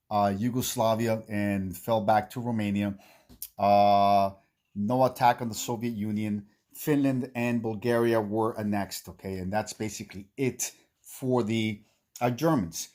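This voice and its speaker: Man, game series host, casual recap commentary, halting delivery, repeated phrases, indoor bunker room. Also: on the low side, fairly even intonation, darkish tone. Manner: halting, repeats himself, frequent "okay" check-ins.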